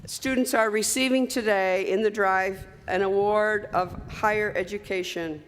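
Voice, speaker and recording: A woman's voice: medium pitch, fairly even intonation, measured pace, slight background noise. An older woman giving a commencement speech, telling folksy stories with asides to the graduates. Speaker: commencement speaker. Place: large hall at a graduation ceremony. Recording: reverberant hall with faint ambience.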